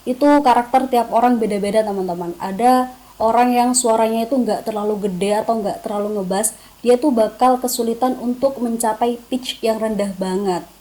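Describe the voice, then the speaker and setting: A woman's voice: a little high, fairly even intonation, normal speed, dark tone, poor audio. A young woman hosting a voice-over tutorial in a casual, chatty way, with playful self-deprecating asides.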